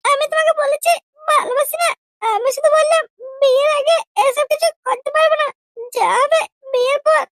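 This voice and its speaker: A voice actor playing a prim, touchy young girlfriend in a comedy cartoon, with a very high, squeaky voice and an indignant way of talking. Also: fairly even intonation, a bit bright, no echo. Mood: firm. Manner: indignant, quick to take offense.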